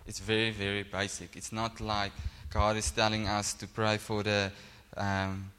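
A man's voice: on the low side, monotone, a little slow, a bit bright, clean tone. A man with a Namibian accent and Afrikaans as his first language, preaching an informal sermon in a plain-spoken, self-deprecating, conversational way. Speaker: pastor. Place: large indoor church hall. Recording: echoey hall with long reverb.

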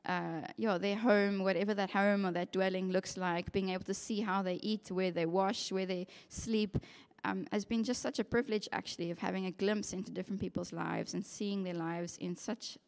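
Speaking to a congregation in a church hall whose audience wears masks, a young occupational therapist with a South African English accent gives her testimony. Her mid-range voice is steady with some vocal fry, and she tells the story in an earnest, reflective way, often pausing on "um" and "yeah." Long hall reverb colours the recording.

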